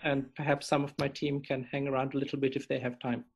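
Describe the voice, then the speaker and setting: A man hosting an online club meeting, thanking his team in a hesitant, self-deprecating way with many pauses and fillers, heard over a video call. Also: mid-range voice, little pitch movement, husky, muffled recording. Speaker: meeting host.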